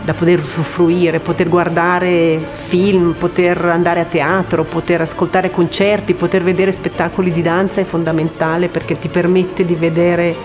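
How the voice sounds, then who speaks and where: A woman's voice: fairly low pitch, flat delivery, normal speed, few pauses, music in the background. A woman from Switzerland who organizes dance events, speaking earnestly and with emotion in an award portrait interview. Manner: earnest, moved.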